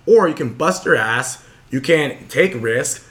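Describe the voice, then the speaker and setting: A young man hosts a podcast, his voice on the high side, a bit bright, with lively intonation. He tells a motivational story fast and earnestly in a casual way, packed with fillers.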